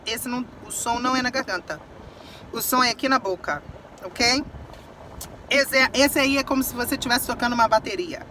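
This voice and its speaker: Slow, bright-voiced woman teaching. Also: on the high side, a little hiss or hum. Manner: slow, repeats example words, laughs at own jokes. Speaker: English teacher. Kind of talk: casual spoken lesson.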